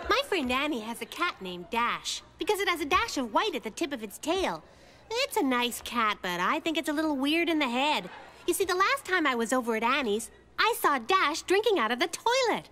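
A woman voicing a plucky, quick-witted little cartoon girl with a girlish, expressive and teasing delivery. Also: high-pitched, background noise. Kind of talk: children's cartoon voice acting. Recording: music behind the voice.

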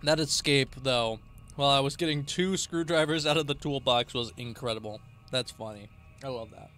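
A male streamer giving casual gameplay commentary, playful and excitable, often breaking into laughter and sudden outbursts. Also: mid-range voice, normal speed, faint music behind.

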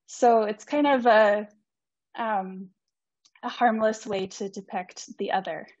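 A young woman in her twenties speaks slowly in a mid-range, darkish voice while presenting her academic conference talk as a student over a video call. She is earnest and polite, uses frequent ums, and is not a native speaker of Icelandic. The recording, made through a computer mic, sounds dry and slightly dull.

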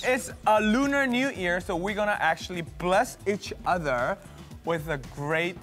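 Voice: medium pitch, measured pace, over music. A co-host chatting in a goofy, jokey way on a variety show. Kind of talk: casual variety chat.

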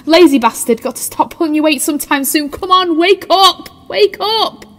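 Agitated and speaking at normal speed in an extremely high-pitched female voice, an actress portrays a desperate, injured research scientist for an audio drama, delivering lines bluntly, sharply and urgently.

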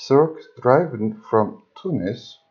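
A man reading an old history book aloud, haltingly, often restarting words. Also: mid-range voice, animated, muffled recording. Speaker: reader. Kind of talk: slow audiobook reading of history.

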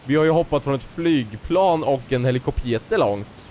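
This is casual co-op gameplay chat from a young man who makes gaming videos on YouTube. He's playful and excitable, cracking jokes and teasing as he plays. His pitch is medium, with a little hiss or hum on the recording.

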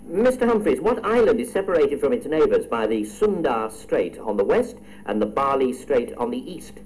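Playful quizmaster with lively pitch. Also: male voice, moderate pace, a little hiss or hum, low-quality recording. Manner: playful, teasing, chatty asides. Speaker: quiz show host. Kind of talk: radio quiz hosting.

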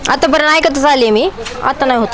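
A woman's voice: high-pitched, fairly quick, fairly bright tone. A woman playing a defiant young daughter-in-law who argues and talks back sharply.

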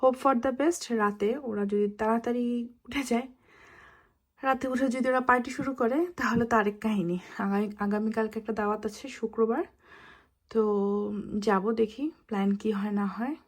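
A young woman chatting casually while cooking in her home kitchen, speaking softly and mixing English words into her talk. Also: fairly high pitch, steady tone, moderate pace. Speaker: vlogger. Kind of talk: casual home vlog narration.

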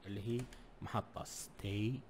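A man's voice: lowish voice, steady tone, moderate pace, darkish tone, slight background noise. A man teaching English pronunciation in an online lesson. He repeats each sound many times and keeps checking in with his learners.

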